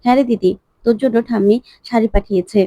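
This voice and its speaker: A woman voicing a cheerful, flattering young man in her own plain voice. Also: fairly high pitch, quick pace, no echo, close to an everyday voice. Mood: friendly.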